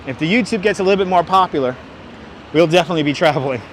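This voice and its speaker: A man with a thick Brooklyn, New York accent races through casual live-stream chat and street commentary in a fairly high voice as he hosts a walking tour for viewers. He's on foot outdoors amid busy Manhattan streets. Clear city traffic noise, vehicles and street ambience surround him.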